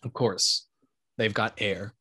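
A man's voice: on the low side, fairly even intonation, slow pace, pushed and bright, husky, dry recording, studio quality. A man hosting casual, humorous commentary on old commercials in a wry, mock-analytical way. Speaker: host.

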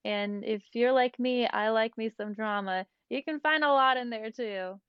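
Woman guest rambling w lots of "like", higher voice, dry dull sound. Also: moderate pace, clear, resonant tone, dry recording. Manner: animated, rambling, many fillers. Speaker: podcast guest. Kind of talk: casual faith chat.

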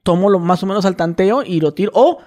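Co-host with a Mexican accent, high voice, fast and slangy. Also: male voice, warm tone. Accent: Mexican Spanish. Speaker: podcast co-host. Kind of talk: casual chat.

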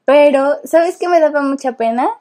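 A young woman with a Mexican Spanish accent, chatting casually and telling animated stories with frequent giggles. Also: high voice, moderate pace. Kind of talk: casual chat.

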